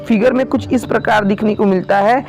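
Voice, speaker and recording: A man's voice: high-pitched, steady tone, fairly quick, darkish tone, faint music behind, poor audio. A man teaching an online vocabulary lesson, saying each word twice and asking his viewers to repeat it back.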